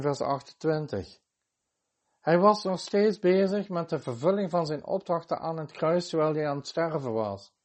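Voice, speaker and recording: A man preaching a sermon, quoting scripture with chapter and verse in an emphatic manner. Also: a little high.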